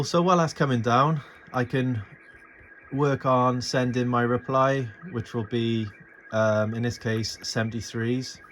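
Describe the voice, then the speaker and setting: Using a mid-range voice, a middle-aged amateur radio presenter chats casually and enthusiastically through each step of his work, unscripted. The audio comes from a noisy amateur phone video and its built-in mic.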